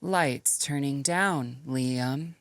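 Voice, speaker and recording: A man doing a slow, measured robot voice for a feminine AI assistant as a comedy bit. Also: mid-range voice, fairly bright tone, clear, resonant tone, dry recording, studio quality, pitched above the performer's own voice. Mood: obliging.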